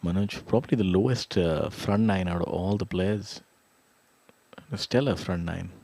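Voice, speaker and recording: Low-voiced male golf commentator. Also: moderate pace, creaky, mellow. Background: whirring drone blades, outdoor ambience.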